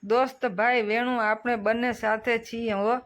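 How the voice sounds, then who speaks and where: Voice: mid-range voice, level tone, a little slow, fairly bright tone. A storyteller voicing a poor, desperate male buffalo herder who pleads urgently for help. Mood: tender.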